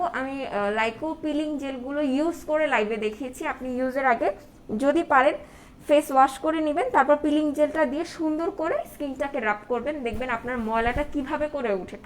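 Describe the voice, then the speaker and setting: A Bangladeshi woman with a high voice talks through a face mask, slightly muffled. She chats casually as a live-selling host, taking questions and dropping in English words. There is some background noise around her. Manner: code-switches into English words and often adds check-in tags. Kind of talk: casual live sales chat answering viewers' comments.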